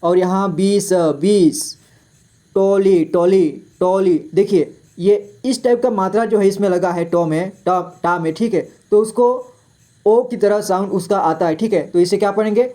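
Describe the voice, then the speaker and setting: A man's voice: sits high, normal speed, warm tone. A male teacher giving a reading lesson, saying each word twice and patiently explaining the vowel signs. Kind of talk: Hindi reading lesson for children.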